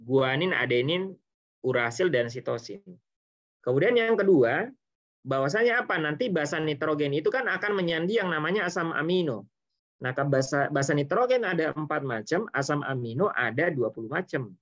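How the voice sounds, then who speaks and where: A biology tutor explains an online lesson step by step in a casual way, with a fairly high, expressive, fairly bright voice at normal speed. He asks rhetorical questions and answers them, often using tag words and correcting himself, on slightly dull lo-fi audio.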